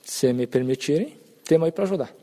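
A man's voice: a little high, expressive, brisk, dark tone. A man, a rural union member, giving plain-spoken, rallying interview answers. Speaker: rural union member, former fiscal council member.

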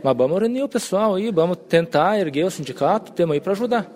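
A man's voice: sits high, animated, quick pace, darkish tone. A man, a rural union member, giving plain-spoken, rallying interview answers. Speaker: rural union member, former fiscal council member.

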